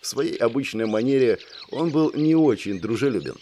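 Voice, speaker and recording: A man's voice: medium pitch, lively intonation, moderate pace, warm tone, a little hiss or hum. A man narrating an audiobook in the first person, with a wry, ironic manner.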